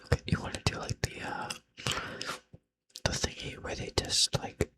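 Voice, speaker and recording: A man doing an unscripted ASMR whispered role-play, rambling playfully in a breathy, unvoiced whisper and repeating short phrases over and over. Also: moderate pace. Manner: playful, self-deprecating, teasing.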